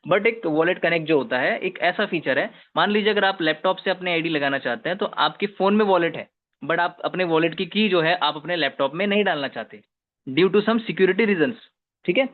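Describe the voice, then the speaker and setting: A man's voice: high-pitched, normal speed. A man presenting an investment plan, walking viewers through slides and often calling them "guys" or checking in with "okay". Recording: tinny phone-like audio.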